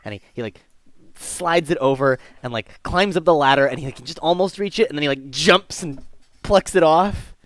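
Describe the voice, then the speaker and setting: A man narrating a tabletop game as game master, halting and full of fillers. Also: a little high, no room sound.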